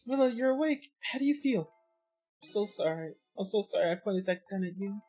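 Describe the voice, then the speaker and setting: A woman voicing a caring young woman detective in a video game, soft and reassuring. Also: medium pitch, animated, fairly quick, faint music behind, pitched above the performer's own voice, natural voice. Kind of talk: reading game dialogue aloud on a stream.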